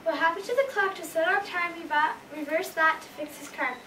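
A woman's voice: extremely high pitch, fairly quick. A woman playing a female time fairy on stage, speaking her hints in sing-song rhyming verse. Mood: helpful. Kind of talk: stage play acting. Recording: echoey hall from far off, crowd noise.

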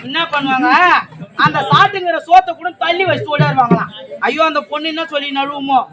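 A man with a very high, piercing voice and a rural Tamil Nadu accent, loudly telling a comic story in folk theatre. He slips into a wailing lament now and then. A large village crowd murmurs behind the stage microphone. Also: quick pace. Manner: loud declaiming storytelling, breaks into wailing lament song. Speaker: koothu performer.

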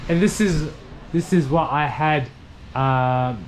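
A man's voice: fairly high pitch, slow, crowd noise. A man in his twenties with a Somali accent, chatting enthusiastically as a travel vlogger and often repeating what he is told. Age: 20s. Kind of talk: casual chat. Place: small knife shop, indoors. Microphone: action camera at arm's length. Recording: noisy action-camera audio with street ambience.

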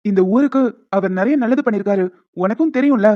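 A woman voicing a young man in an animated cartoon, an affectionate, teasing fiancé who coaxes and reassures his bride-to-be. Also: fairly high pitch, fast talker, dull audio, lightly acted. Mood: reassuring. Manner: playful, coaxing, reassuring.

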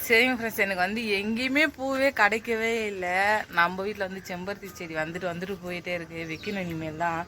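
A young woman talking to her followers in a relaxed vlog, calling them friends as she walks around outside. Her voice sits at a middling pitch, and the phone picks up clear outdoor noise around her. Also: fast talker. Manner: chatty, addresses viewers as friends. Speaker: vlogger. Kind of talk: casual vlog narration. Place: outdoors at a village house and street. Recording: noisy outdoor phone recording.

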